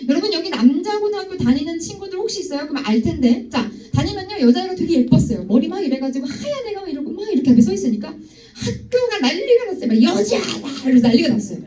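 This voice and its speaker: A woman's voice: very high-pitched, fast, hardly any pauses. A young woman giving a youth sermon in a church hall, telling stories and teasing students with questions. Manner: lively, teasing, asks students directly. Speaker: youth ministry speaker. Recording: echoey hall, voice from far off.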